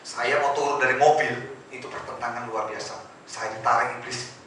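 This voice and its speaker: Middle-aged guy telling his church testimony, emotional, goes loud then quiet, echoey hall, sounds far off, faint hiss. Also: mid-range voice, fairly even intonation, a little fast. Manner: emotional, swinging between loud and hushed; addresses the congregation directly. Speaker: church member giving testimony. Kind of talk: personal testimony at a prayer service.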